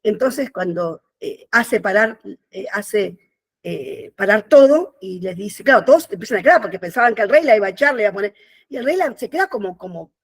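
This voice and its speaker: A woman, retelling a children's story from her book in an animated way, often restarting her phrases. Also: medium pitch, a little fast. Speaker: writer presenting her book. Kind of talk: storytelling talk.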